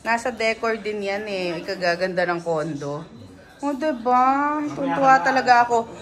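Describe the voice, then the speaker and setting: On a rainy evening in her condo unit, a middle-aged Filipino woman vlogs casually into a phone she holds herself. She is chatty and giggly, mixing English and Tagalog, in a mid-range voice at a moderate pace.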